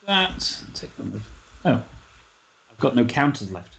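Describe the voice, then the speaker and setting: A man's voice: mid-range voice, big pitch swings, measured pace, vocal fry, a bit bright. Wry man on a dull lo-fi mic. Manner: talks through moves, wry. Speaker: board game player. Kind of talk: casual game-night chat.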